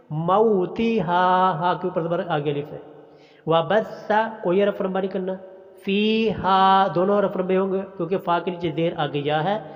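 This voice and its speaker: A man with a Pakistani accent teaching Quran recitation, explaining pronunciation rules and chanting the verses in a drawn-out melodic style. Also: sits high, in a large hall, muffled recording.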